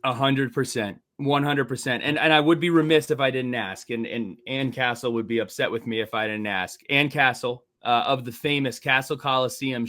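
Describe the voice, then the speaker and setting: A man's voice: mid-range voice, pushed and bright. Man, from New Jersey, podcast host, casual chat, joking, rambling, teasing banter.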